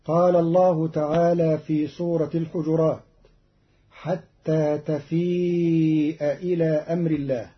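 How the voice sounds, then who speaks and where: A man explaining Quran recitation variants in measured scripted narration, slowly reciting each verse in melodic tones. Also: on the high side. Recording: dull lo-fi recording.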